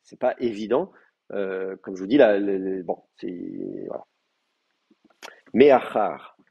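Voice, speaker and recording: A man's voice: sits low, measured pace, gravelly, husky, lo-fi sound. A man teaching an advanced Hebrew class, explaining grammar step by step with many hesitant fillers. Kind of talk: live class lecture.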